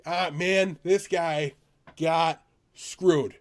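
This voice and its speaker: An American man co-hosting a gaming podcast, chatting casually and excitably, quick to laugh. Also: on the high side. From United States. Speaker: podcast co-host.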